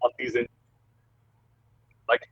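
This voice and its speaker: A man's voice: slow pace, fairly bright tone, dry recording. Young man on a muffled call line. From Philippines. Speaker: podcast co-host. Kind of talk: casual chat.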